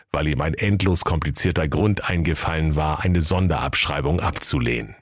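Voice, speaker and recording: A man narrating a comic fairy tale for children in a lively, playful storytelling manner, in a studio. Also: low voice, dry recording.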